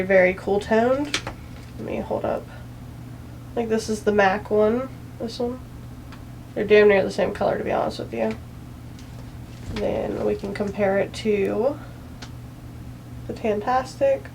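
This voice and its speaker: A young woman talks her way through a makeup tutorial at home in a chatty, rambling, self-deprecating way. She sounds anxious and slightly out of breath, and her voice sits at an average pitch. Faint household noise hums behind her. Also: steady tone, measured pace, vocal fry, pauses often, a little mellow, poor audio. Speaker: beauty vlogger.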